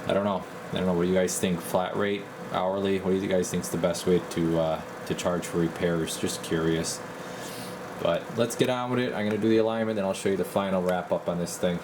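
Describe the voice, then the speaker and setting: A low-voiced man, a radio repair technician and video host, gives a casual hands-on repair walkthrough at an indoor workbench. He's folksy, rambling and informal, and the recording is noisy with a clear background hum.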